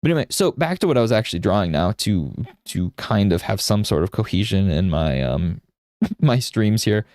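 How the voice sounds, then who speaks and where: A man's voice: on the low side, big pitch swings, normal speed, darkish tone, no echo, studio quality. A man in his thirties giving a casual live art lesson while drawing, rambling into anecdotes and often checking in with "right?". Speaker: art streamer and instructor.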